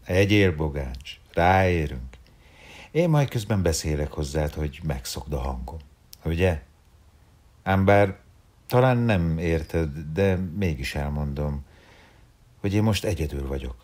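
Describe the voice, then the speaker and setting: A man reading aloud and voicing a lonely, gentle old clown, speaking softly and tenderly in a husky, half-whispered voice. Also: a bass voice, animated.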